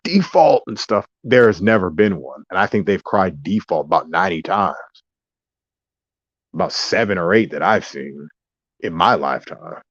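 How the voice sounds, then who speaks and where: A man's voice: deep voice, animated, moderate pace, no room sound. A man talking in a rambling casual monologue, drifting between asides and mocking quoted voices. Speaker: vlogger. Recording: dry, dull lo-fi sound.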